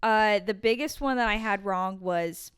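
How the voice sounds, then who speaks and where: Teasing young woman with a smooth voice. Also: mid-range voice, measured pace, fairly bright tone, no echo, clean studio sound. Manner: playful, teasing, emphatic. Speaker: podcast co-host. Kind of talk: casual chat.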